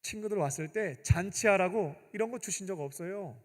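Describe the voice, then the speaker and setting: A man's voice: sits high, a little fast, close to an everyday voice. A male preacher voicing a resentful, hardworking elder son airing his grievances. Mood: aggrieved. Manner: aggrieved, complaining. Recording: long church-hall reverb.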